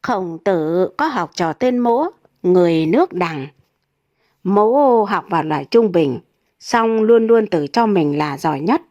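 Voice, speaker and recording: A woman narrating comic folk tales in a steady, even voice. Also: on the low side, unhurried, dry recording, lo-fi sound. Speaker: storyteller.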